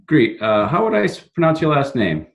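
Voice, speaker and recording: A man's voice: a little high, big pitch swings, moderate pace, vocal fry. Friendly man hosting a video call. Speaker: town manager hosting a talk show. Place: home room with framed pictures. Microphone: laptop webcam video call.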